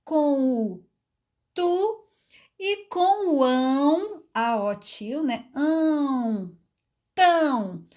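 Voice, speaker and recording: A woman leads a phonics lesson for adult learners, sounding out syllables slowly and patiently. Her voice sits high. She takes her time over each word. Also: expressive, a little mellow. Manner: patient, drawing out syllables one by one. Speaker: adult literacy teacher.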